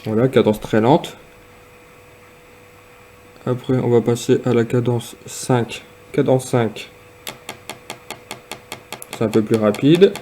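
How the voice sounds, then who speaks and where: A man casually demonstrating and reviewing a piece of gear, speaking hesitantly with frequent pauses and fillers. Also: medium pitch, mellow, a little hiss or hum. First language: French. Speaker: product reviewer.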